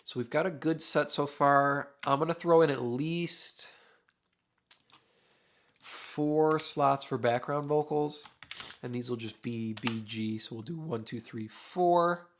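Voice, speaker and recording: A young man's fairly high-pitched voice moves slowly through a casual screen-recorded mixing tutorial, with a little hiss or hum audible. As a mixing engineer losing his voice, he sounds slightly worn, relaxed, and thinks out loud with lots of uhs while he works. The setting is a home studio with drums in back.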